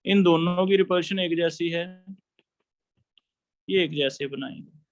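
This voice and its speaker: Man lecturing a chemistry class, high voice, dry close sound, explains step by step. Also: measured pace, no echo. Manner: explains step by step, asks students questions. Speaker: chemistry teacher.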